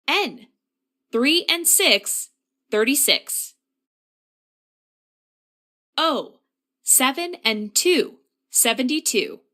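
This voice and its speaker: A woman working as a bingo caller, announcing numbers in set phrases with a deliberate, formulaic delivery. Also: sits high, pushed and bright.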